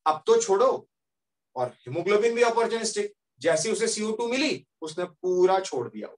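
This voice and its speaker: A male teacher giving a lively classroom lecture as a story, often checking that students follow. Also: high-pitched, fairly quick, recorded from a distance.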